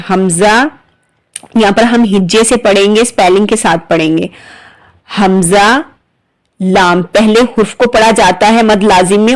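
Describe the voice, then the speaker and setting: A woman teaching Quran recitation, spelling syllables slowly one by one and breaking off into quick explanations. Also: mid-range voice, a little mellow. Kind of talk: slow spelling-drill lesson. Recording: echoey room.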